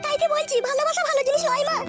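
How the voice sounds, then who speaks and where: A performer voicing a nagging middle-aged village mother in a comic cartoon, lecturing rapidly. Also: extremely high pitch, flat delivery, music in the background.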